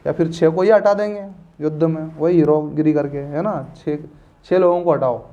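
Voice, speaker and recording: A man's voice: fairly high pitch, normal speed, warm tone. A man teaching a class, playfully repeating memory tricks and quizzing his students. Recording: dull lo-fi recording.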